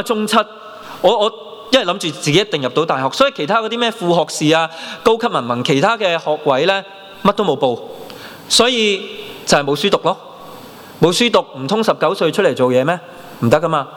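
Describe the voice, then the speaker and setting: A man in his thirties with a Hong Kong Cantonese accent, preaching a sermon and telling his own story in an animated way, dropping in English words. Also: on the high side. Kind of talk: sermon with personal testimony. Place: church hall. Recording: long reverb of a church hall.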